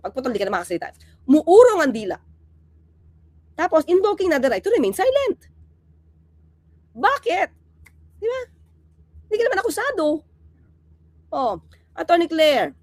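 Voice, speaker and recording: A woman's voice: high voice, dry recording. A woman giving impassioned, sarcastic commentary, asking rhetorical questions and acting out little scenes.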